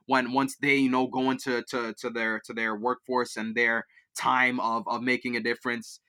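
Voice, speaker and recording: In a mid-range voice that is clear and resonant yet bright and forceful, a young Liberian man raised in Kenya and Canada answers at normal speed with a flat delivery. As a student guest in an interview, he rambles, filling in and restarting often.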